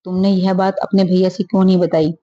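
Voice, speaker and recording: A woman voicing a hurt, angry young married woman in a read-aloud story, asking sharp, upset questions. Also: on the low side, flat delivery, fairly quick, lo-fi sound, lightly acted. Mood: pained.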